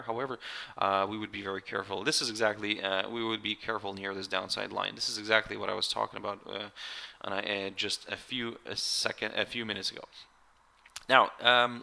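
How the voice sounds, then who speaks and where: A man walks viewers through market charts on a live webinar, his fairly low voice gravelly and slightly hoarse. His tone is sharp and bright, and he talks casually, full of fillers and restarts. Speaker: market analyst hosting a webinar.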